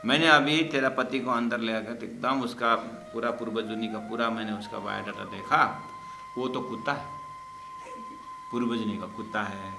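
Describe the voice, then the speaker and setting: Guy putting on a calm old guru, low and hushed, echoey hall, music behind. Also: moderate pace, gravelly. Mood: sly, reassuring. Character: calm old male guru giving advice.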